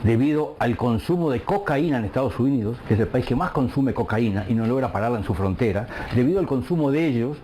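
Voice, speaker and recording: A man's voice: mid-range voice, expressive, fast talker, hardly any pauses, dark tone, a little hiss or hum. A man interviewing a politician, pressing him with a string of rhetorical questions. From Colombia.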